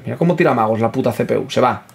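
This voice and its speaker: Male streamer, mid-pitched, calling his own match loudly and cursing. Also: racing, vocal fry. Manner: excitable, swears a lot, talks to chat. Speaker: gaming streamer. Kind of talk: live gameplay commentary.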